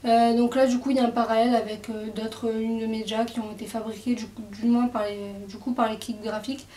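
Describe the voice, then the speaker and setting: A woman's voice: a little high, little pitch movement, fairly quick, warm tone, recorded from a distance. A woman casually presenting a book, hesitant and full of fillers. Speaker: book reviewer. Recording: echoey room, away from mic.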